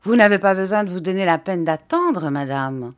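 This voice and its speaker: A woman's voice: fairly low pitch, animated, moderate pace, close to an everyday voice. A woman reading an audiobook voices a brusque, commanding elderly aunt in clipped, imperious tones.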